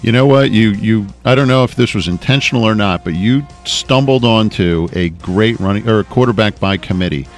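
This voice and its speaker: A man's voice: on the low side, fairly quick, hardly any pauses, soft background music. A man co-hosting a radio sports show, blunt and opinionated, often repeating words as he goes. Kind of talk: casual radio sports talk.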